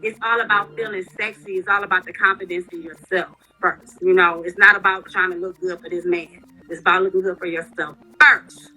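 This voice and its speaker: Candid chatty woman, bright voice. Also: fairly low pitch, steady tone, brisk, few pauses, rough recording. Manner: chatty and candid, lots of "you know" fillers. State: wearing retainers that affect her speech. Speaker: guest, reality TV cast member. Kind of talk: casual interview chat.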